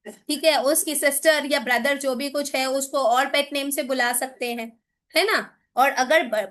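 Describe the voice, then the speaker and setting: A woman's voice: high voice, fairly bright tone. A woman with an Indian English accent giving a classroom lecture as a teacher trainer, explaining patiently and often checking that her listeners follow. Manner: patient, explanatory, asks frequent check questions.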